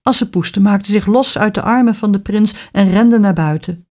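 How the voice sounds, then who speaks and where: An expressive woman narrating a children's fairy tale at a steady, middle pitch. Her reading is clear and lively, in the manner of a storybook read aloud. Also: moderate pace.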